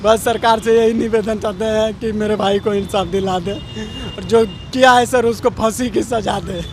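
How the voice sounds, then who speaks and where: A man's voice: sits high, steady tone, normal speed, slight background noise. A man giving a street interview, pleading and aggrieved. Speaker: victim's brother.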